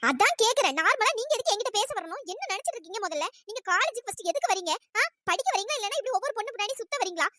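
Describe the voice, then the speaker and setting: A performer voicing a fiery young female college student in a cartoon, scolding in an exasperated, pitch-raised voice. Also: very animated, pushed and bright, dry recording, studio quality, full character voice. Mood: annoyed scolding. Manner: scolding, exasperated, rapid-fire complaints. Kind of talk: cartoon voice acting.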